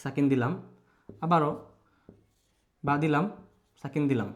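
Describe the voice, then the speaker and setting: A man's voice: on the high side, a little slow. A man teaching Quran letter pronunciation. He repeats sounds over and over, asks the learner questions and mixes in English words. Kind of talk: online Quran recitation lesson.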